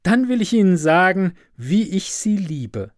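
A man voicing an impulsive, self-absorbed young student in a fairy tale, with loud, excited exclamations. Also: fairly high pitch, measured pace, no echo, studio quality.

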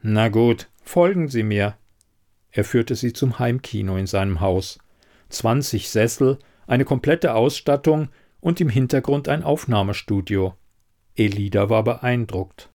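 A man narrating a crime story aloud in an expressive audiobook style. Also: medium pitch, a little slow.

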